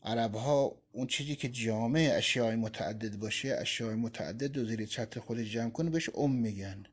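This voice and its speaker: A man's voice: mid-range voice, slightly rough. A man teaching a religious lesson, reading Arabic quotations and explaining them phrase by phrase. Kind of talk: Quran commentary lesson.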